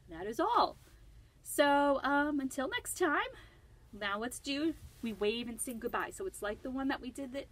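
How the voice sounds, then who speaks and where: A woman librarian leads a children's storytime, reading slowly and gently. Her voice rises and falls in a lively sing-song way, and she pauses to ask the kids questions, laughing often. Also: on the high side. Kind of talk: storytime read-aloud for children.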